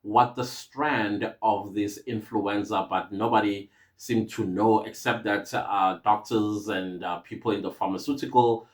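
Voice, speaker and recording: A man's voice: on the low side, steady tone, a little slow, hardly any pauses. A man with a South African accent hosting a podcast, talking to his viewers in an earnest, rambling way and often stopping to hesitate and restart. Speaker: podcast host. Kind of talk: casual podcast monologue.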